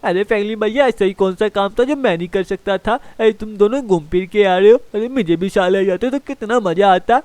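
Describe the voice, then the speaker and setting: A man's voice: high voice, brisk, hardly any pauses, darkish tone, smooth, no room sound, close to an everyday voice. A man voicing a small mischievous boy in a fan game role-play, whiny and given to panicky cries. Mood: teasing.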